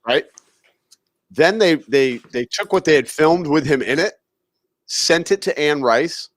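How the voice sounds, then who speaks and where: A man co-hosting a casual podcast chat in a relaxed way, often calling his co-host dude. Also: on the high side, unhurried, no echo. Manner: relaxed, says dude a lot.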